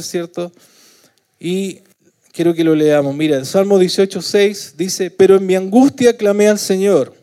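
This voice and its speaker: A man with a Chilean Spanish accent preaching a sermon to his congregation. He often checks in with tag questions and swells into loud pleading when voicing prayers. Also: on the high side. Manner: asks the congregation for agreement with frequent tag questions; rises to loud pleading when voicing prayers, drops soft at phrase ends.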